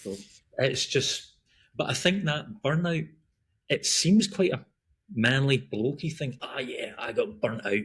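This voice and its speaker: A middle-aged breath work and running coach from Glasgow guests on a casual podcast, his Scottish-accented voice medium in pitch, a bit bright and slightly rough, at a measured pace. His relaxed chatter wanders, with frequent ums and restarts.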